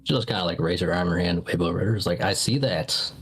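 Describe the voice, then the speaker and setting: A man's voice: deep voice, fairly even intonation, rapid-fire, breathy edge, soft background music. A man playing a tabletop game, chatting and bantering casually as a player.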